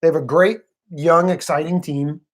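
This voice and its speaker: A man's voice: a little high, fairly even intonation, normal speed. Musing, hedging man co-hosting a sports stream. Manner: musing, hedging, says "I don't know" often. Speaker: live stream co-host. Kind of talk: casual sports chat on a live stream.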